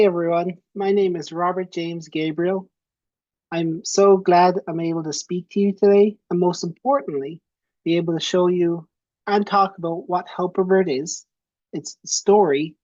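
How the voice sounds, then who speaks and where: A young Irish man with a high, mellow voice presents a chatty, friendly webinar through a headset from a small room at home. He's a software founder acting as presenter. The audio is dull, with no room sound.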